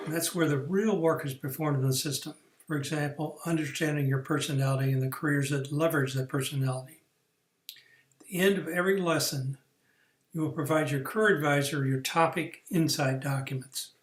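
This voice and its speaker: A man talks through a recorded career-training lesson in a somewhat high voice. He explains the steps patiently, with fillers and false starts. The sound is echoey, as if recorded in a bare room. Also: a bit bright. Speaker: career coach.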